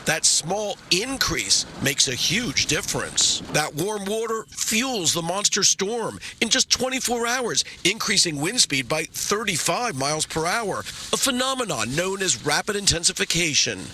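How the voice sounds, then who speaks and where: A man's voice: high voice, sharp tone, slight background noise. A man narrating a scripted news report as a correspondent.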